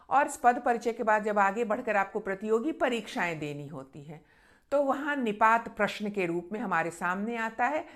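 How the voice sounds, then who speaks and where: A woman's voice: medium pitch, fairly bright tone. Patient woman teaching grammar. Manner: reads example sentences slowly and with stress; often checks in with "ठीक है ना?". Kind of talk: classroom-style grammar lesson.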